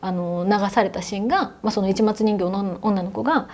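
A young woman recounts a ghost story as a guest on a talk show. Her voice stays soft and hushed and often drops almost to a whisper, with a pitch that sits at the middle of the female range. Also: brisk. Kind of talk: telling a ghost story in conversation.

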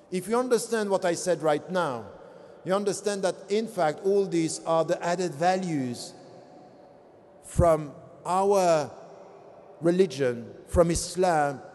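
Fiftyish guy preaching at a podium, high voice, big echoey hall, lots of rhetorical questions. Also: darkish tone, slight background noise. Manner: impassioned, rhetorical questions, hand gestures. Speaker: convention speaker. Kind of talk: religious lecture. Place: large convention hall stage. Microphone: podium gooseneck mic. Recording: long reverb of large hall.

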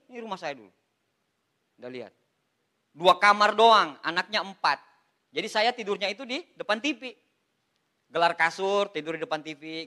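An Indonesian man speaks as a motivational speaker to a seminar audience. His voice sits high and sounds bright and forceful. He jokes and keeps the delivery animated, turning to the room again and again. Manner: lively, joking, addresses listeners as Pak.

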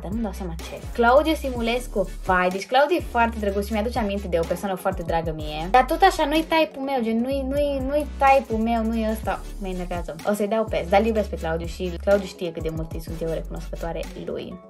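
A young woman, chatting casually and hesitantly as the host of her own vlog. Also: medium pitch. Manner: chatty and hesitant, many fillers and self-corrections. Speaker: YouTuber host. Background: background music.

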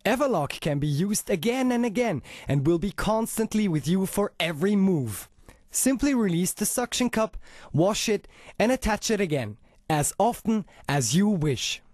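A man narrating a scripted hard-sell infomercial as an announcer, with an emphatic pitch full of rhetorical questions. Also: animated, normal speed, a little mellow, no room sound, clean studio sound.

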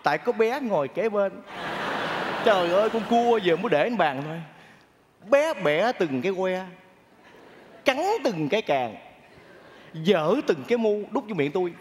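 A man performs a live comedy sketch on a theater stage and turns to the audience as he talks. His voice sits high and swings widely in pitch. The sound has a long hall reverb and a faint noise behind it. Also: moderate pace, long pauses. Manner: animated, addresses the audience directly.

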